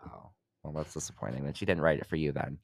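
Young guy w a really low voice doing a laid-back music podcast, lots of likes and ums, dry close sound. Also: fast talker, gravelly, no echo. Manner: loose and chatty, lots of fillers. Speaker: podcast host. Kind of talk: casual music review chat.

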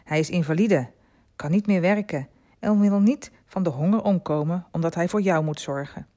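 A woman's voice: on the low side, moderate pace, close to an everyday voice. A woman doing a firm, kindly old showman. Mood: gently persuasive. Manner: firm, then gently persuasive. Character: older male traveling showman, stern but kindly.

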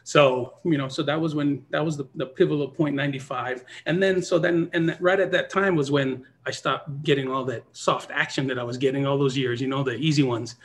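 A man's voice: brisk, hardly any pauses. A man telling pool gambling stories in a casual chat, full of "you know" fillers and acted-out lines from other people. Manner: animated, acts out other people's lines in a high voice. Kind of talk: casual storytelling.

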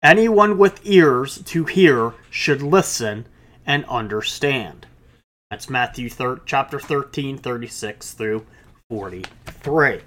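A man's voice: medium pitch, animated, slow, a bit bright. A male pastor preaching a sermon, reading scripture aloud and explaining it with casual asides.

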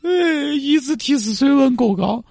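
A man voicing a whiny, self-pitying woman truck driver who is stranded on the highway in a comedy skit. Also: moderate pace, vocal fry, a little mellow, breathy edge, no echo, faint music behind, exaggerated voice. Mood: whiny, tearful. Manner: whiny, self-pitying wailing and dramatic complaints. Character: weepy, helpless woman trucker, middle-aged.

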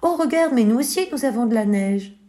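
A woman's voice: expressive, a little slow, dark tone. A woman voicing an earnest, hopeful little boy in a storybook reading. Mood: eager. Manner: high, eager, near tears.

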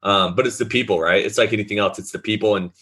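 A man co-hosting a casual sports talk show, energetic and enthusiastic, talking in long runs. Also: lowish voice, quick pace, slightly rough. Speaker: sports podcast co-host.

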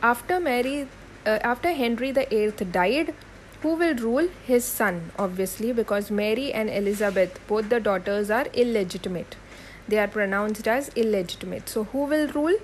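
A woman's voice: on the high side, moderate pace, a little hiss or hum, poor audio. A woman teaching a history lesson for exam students. She repeats key points, spells names letter by letter and asks questions that she answers herself.

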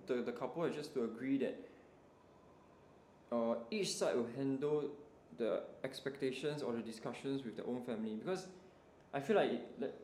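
A man's voice: mid-range voice, a little mellow. A young Singaporean man chatting casually in colloquial Singlish, ending phrases with lah, lor and leh. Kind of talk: casual chat. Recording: roomy echo, light background noise.

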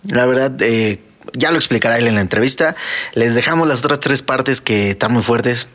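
A man with a Mexican Spanish accent hosting a music podcast, chatting casually and slangily with quick asides. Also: mid-range voice, a bit bright. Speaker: podcast host. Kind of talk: casual chat.

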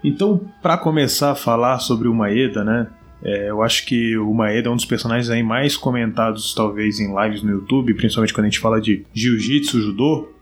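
A man with a Brazilian Portuguese accent hosting a solo podcast, explaining at length in a relaxed way, with frequent fillers. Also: fairly low pitch, moderate pace, hardly any pauses, soft background music. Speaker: podcast host. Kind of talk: solo podcast talk on martial arts history.

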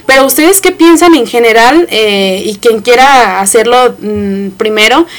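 A woman's voice: on the high side, unhurried. A woman hosting a talk show, chatty and full of fillers. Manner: chatty, warm welcoming with filler words. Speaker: host. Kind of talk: casual chat.

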